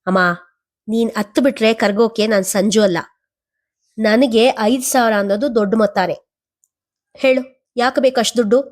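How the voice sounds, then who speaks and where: A woman's voice: fairly high pitch, fairly even intonation, moderate pace, long pauses, darkish tone, close to an everyday voice. A woman voicing a blunt young man who questions his mother's demand for money. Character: blunt skeptical young man, her son.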